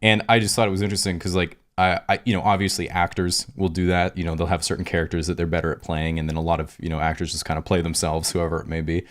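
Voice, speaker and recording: A man's voice: low voice, little pitch movement, quick pace, hardly any pauses. A man hosting a podcast, asking long, meandering and reflective questions in casual conversation. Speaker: podcast host.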